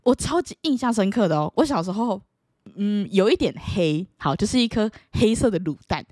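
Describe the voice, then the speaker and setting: Young woman, chatty vlog storyteller with a very lively pitch, dry close sound. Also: normal speed, dry recording. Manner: animated, playful, bursts into high excited exclamations. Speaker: vlogger. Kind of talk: casual storytelling to camera.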